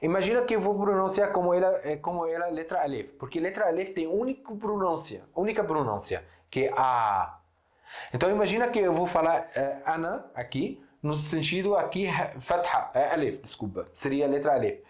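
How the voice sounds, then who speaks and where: A man's voice: on the high side, expressive, brisk. Arabic-accented man teaching in an echoey room. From Syria. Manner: patient explaining, frequent self-corrections and rhetorical questions. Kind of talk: online language lesson.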